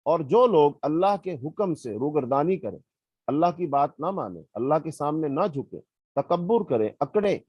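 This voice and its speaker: Man, Pakistani Urdu accent, religious lesson, measured explaining, close dry mic. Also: on the high side, animated, slightly rough, no echo, lo-fi sound. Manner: measured, explanatory, recites Arabic verses. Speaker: hadith teacher. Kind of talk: religious lecture.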